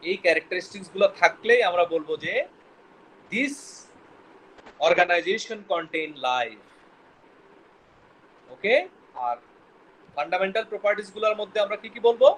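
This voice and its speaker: A man's voice: high-pitched, animated, moderate pace, pauses often, a bit bright, slight background noise, poor audio. A man teaching a biology class, quizzing students and mixing English terms into his explanations. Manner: quizzing, mixes English terms, stumbles over words. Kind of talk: classroom lecture with questions to students.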